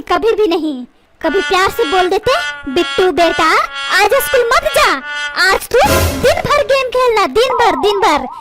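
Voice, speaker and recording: Bratty cartoon schoolboy, mocking and taunting, voiced by a woman, very high and springy over loud music. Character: cheeky rude schoolboy son.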